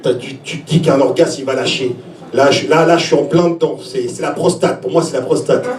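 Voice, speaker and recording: A Swiss comic in his forties works an indoor open stage at a small comedy venue, speaking directly to the crowd with exclamations and acted-out little scenes and reactions. He sounds on the high side and fairly quick; the distant mic catches an echoey live room and slight background noise.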